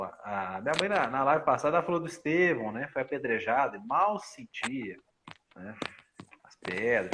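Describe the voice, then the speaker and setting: A Brazilian man retelling religious stories in a relaxed study-group talk, his bright voice leaping up and down in pitch as he acts out the people he quotes. He laughs often as he goes along. A faint hiss of noise sits behind him. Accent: Brazilian Portuguese. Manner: animated storyteller who acts out quoted lines with laughs. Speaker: spiritist study group presenter.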